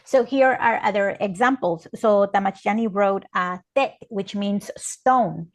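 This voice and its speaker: A woman unhurriedly walks students through a language lesson. She explains each example one step at a time in a steady mid-range voice. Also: medium pitch. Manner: slow, careful step-by-step explanation. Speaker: interpreter and co-teacher. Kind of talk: classroom lesson explaining grammar.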